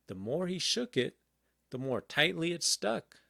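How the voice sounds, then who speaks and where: A man reading a children's storybook aloud in a calm, gentle bedtime manner. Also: on the high side, gravelly, dry recording, clean studio sound. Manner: slow, gentle, very expressive. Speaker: audiobook reader.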